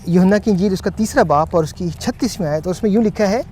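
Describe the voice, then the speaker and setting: A man co-hosting a Bible teaching talk, speaking in a measured way with frequent hesitant fillers. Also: high voice, a little mellow, soft background music. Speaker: co-host.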